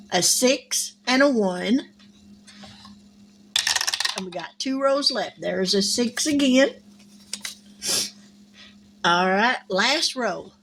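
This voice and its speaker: A woman's voice: mid-range voice, slight background noise. A woman, chatting casually at home as host of her savings channel, folksy and friendly with her viewers. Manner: chatty, folksy, says y'all. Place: at home, indoors.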